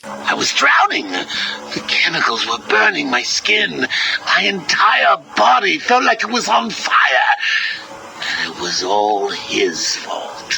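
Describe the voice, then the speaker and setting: An actor playing a manic, mocking villain clown, heard played back from an old interview tape. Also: male voice, a little high, huge pitch swings, slow, creaky, pushed and bright, exaggerated voice, low-quality recording. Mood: sardonic. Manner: sarcastic, sing-song, cackling. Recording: hissy cassette tape recording.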